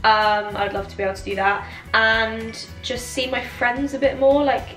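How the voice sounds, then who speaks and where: Giggling and a little tipsy, a twentysomething British woman answers questions from viewers in a relaxed chat. She speaks on the high side at normal speed, level in tone and a bit bright, with music behind her and a roomy echo.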